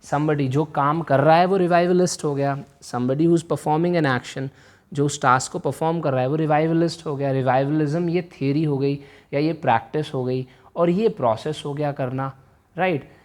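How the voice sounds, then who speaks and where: In an explanatory video lesson on vocabulary, a man with a somewhat high voice speaks at a moderate pace in a steady tone. Mixing Hindi and English, he restates each meaning several times and keeps checking in with "right?".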